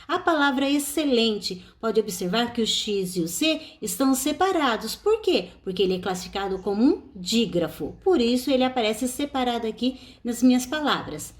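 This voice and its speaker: A Brazilian woman teacher giving a recorded online lesson, with a Brazilian Portuguese accent. Her voice sits fairly high and rises and falls a great deal. She explains step by step and leans on each example word. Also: very animated, normal speed, few pauses.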